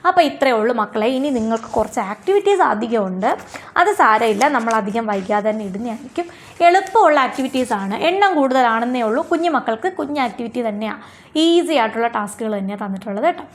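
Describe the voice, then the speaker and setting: High-voiced Malayali woman teaching a lesson. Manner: reads English questions slowly, then explains in casual Malayalam. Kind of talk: explaining a textbook lesson.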